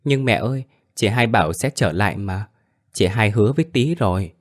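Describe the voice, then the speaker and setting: A man's voice: fairly low pitch, animated, normal speed, close to an everyday voice. A man voicing an innocent little boy who speaks naively.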